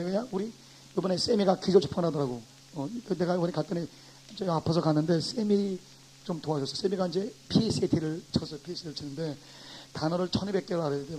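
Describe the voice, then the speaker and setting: A pastor giving an animated classroom lecture, a man who acts out his examples and swings from loud to soft. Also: high voice, slight background noise, poor audio.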